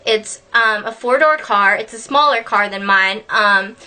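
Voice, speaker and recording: A young woman telling a story on her vlog, animated and sweary, laughing often. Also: medium pitch, measured pace, soft background music. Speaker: vlogger.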